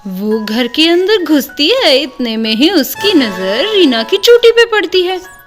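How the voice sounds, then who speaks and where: A woman's voice: high-pitched, very animated, unhurried, faint music behind. A woman narrating a doll-play story in a plain, storytelling way.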